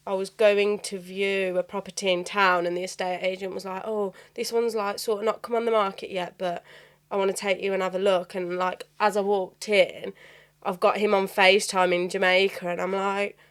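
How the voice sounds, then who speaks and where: A young woman with a Birmingham accent tells her story as a guest on a podcast. Her pitch sits mid-range and stays fairly flat, and her chat runs on in a rambling way, full of "sort of" and "like". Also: moderate pace, clear, resonant tone. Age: young adult. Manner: chatty, rambling, uses "sort of" and "like" a lot. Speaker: bar owner, interview guest.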